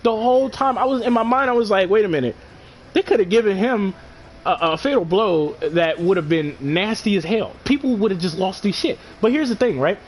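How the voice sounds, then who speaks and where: A young man rants excitedly about a video game. His casual commentary is slangy and full of swearing. A faint noise sits under the recording. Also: high-pitched, fairly quick. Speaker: gaming commentator.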